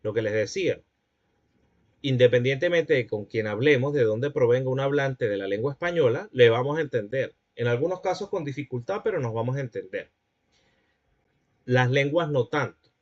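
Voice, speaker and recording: A man's voice: medium pitch, expressive, moderate pace, dull audio. A man giving a classroom lecture, explaining points and checking that students follow.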